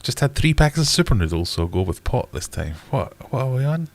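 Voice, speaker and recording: A man's voice: medium pitch, big pitch swings, brisk. A middle-aged British man with a congested, nasal voice chatting casually on a livestream, rambling in a blunt, wry way. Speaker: livestream host answering viewer questions.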